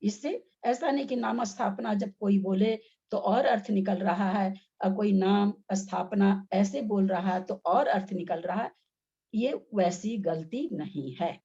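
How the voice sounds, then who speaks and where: Breathy woman teaching over a dull call line. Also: medium pitch, unhurried, dark tone. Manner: patient, explains step by step with repeated examples. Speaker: Sanskrit reading teacher. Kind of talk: online class lesson.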